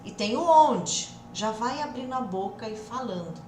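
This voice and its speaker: Lively teacher from interior São Paulo. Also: female voice, a little high, roomy sound, slight background noise. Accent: interior São Paulo Brazilian Portuguese. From interior of São Paulo state, Brazil. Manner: energetic, drills phrases slowly and repeatedly. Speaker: English teacher. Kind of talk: live online English lesson.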